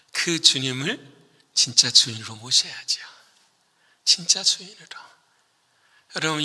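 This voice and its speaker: A man preaching a sermon as a pastor, asking the congregation questions and answering them, moving from loud exhortation to hushed whispers. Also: medium pitch, breathy edge, in a large hall.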